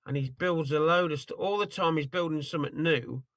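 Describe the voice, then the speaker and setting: Guy on a video call with a slightly high voice, rambling, keeps apologizing while clicking around, dry sound. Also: fairly quick, a bit bright, dry recording. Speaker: attendee demonstrating a tool. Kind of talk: casual screen-share demo on a video call.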